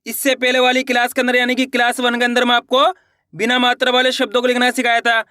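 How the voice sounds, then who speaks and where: A man's voice: very high voice, completely flat delivery, quick pace, bright, forceful tone, no echo, studio quality. A man teaching a lesson step by step, asking questions and answering them himself, with an Indian Hindi accent. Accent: Hindi-speaking India. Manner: repeats words, asks and answers own questions.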